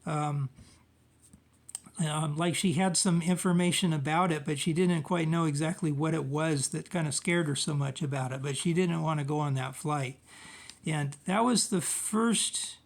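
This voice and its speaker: An amateur researcher presents his own video, informally recounting his research in a monologue. His slightly high voice is halting and hesitant, rambling along, often trailing off and groping for words.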